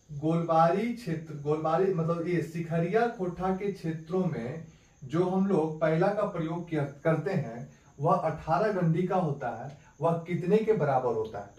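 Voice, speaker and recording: A man's voice: on the high side, a little mellow. Man teaching in an echoey room. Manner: repeats key points as questions and answers them. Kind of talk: exam-prep lesson. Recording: echoey room, mic at a distance.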